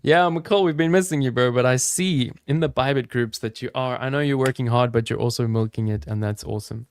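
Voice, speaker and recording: An upbeat, chatty man from South Africa, his South African accent softened toward American, hosting a live trading stream and talking straight to his viewers. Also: medium pitch, fairly quick, clear, resonant tone. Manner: upbeat, chatty, addresses chat viewers directly. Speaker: crypto trading livestream host. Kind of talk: casual live-stream commentary.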